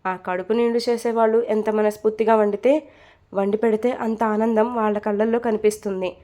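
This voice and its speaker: A woman's voice: mid-range voice, level tone, brisk, warm tone, close to an everyday voice. A woman reading a storybook, voicing a fond, chatty middle-aged mother-in-law who scolds lightly. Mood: homely.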